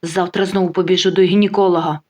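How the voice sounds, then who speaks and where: Жінка озвучує спокійну, гостру на язик дружину, яка сухо й насмішливо відповідає чоловікові. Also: female voice, on the low side, little pitch movement, a little mellow, lightly acted. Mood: dry. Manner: dry, mocking, unhurried. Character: calm, sharp-tongued wife getting even.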